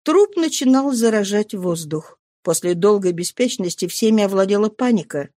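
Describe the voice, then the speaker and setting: A woman narrating an audiobook of a classic novel in a steady, measured voice. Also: medium pitch, no room sound, studio quality. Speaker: audiobook reader.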